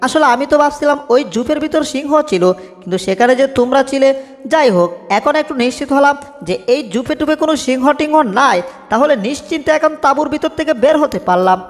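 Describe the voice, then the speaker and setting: A woman voicing a soft-hearted, bumbling male cartoon cat in a homemade dub, whiny and fretful. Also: sits high, lively intonation, quick pace, faint music behind. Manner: whiny, fretful, cries out in alarm. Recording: long reverb, echoey room.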